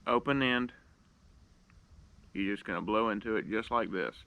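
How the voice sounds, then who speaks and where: A man's voice: lowish voice, normal speed, sharp tone. A man giving a casual, plain-spoken how-to tutorial, showing each step and repeating the key points. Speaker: duck call instructor.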